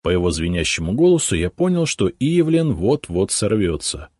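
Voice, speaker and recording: A man reading first-person audiobook narration in a measured, expressive way. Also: deep voice, husky, no room sound, clean studio sound.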